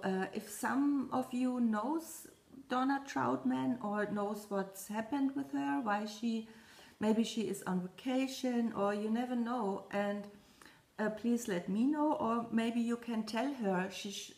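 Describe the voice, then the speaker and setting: A woman chatting casually to camera as a stitching vlogger, rambling and halting, often stopping to apologize. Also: on the high side, gravelly, a little mellow. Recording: echoey room.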